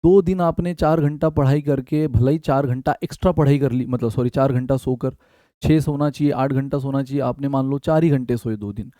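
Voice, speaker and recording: A man's voice: medium pitch, steady tone, a little fast, dark tone, no echo. A young man, an exam prep teacher, giving casual, direct motivational study advice and addressing viewers as guys. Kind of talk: motivational study-tips talk.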